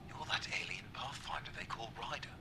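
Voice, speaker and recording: A man's voice: mid-range voice, expressive, fairly quick. A man voicing an exasperated, weary alien researcher in a video game, grumbling as he talks. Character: exasperated male alien researcher wrestling with faulty equipment. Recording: loud ambient noise behind voice.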